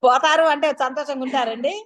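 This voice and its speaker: High-voiced woman giving a spiritual talk. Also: fairly even intonation, fast, a bit bright. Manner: asks many rhetorical questions, chatty and coaxing; addresses listeners directly. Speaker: spiritual teacher. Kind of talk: spiritual discourse.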